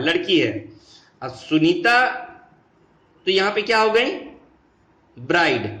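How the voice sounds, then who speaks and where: Indian english teacher guy, high voice, mixes hindi and english, keeps checking "am i right", echoey room. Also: fairly bright tone. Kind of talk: grammar lesson for children.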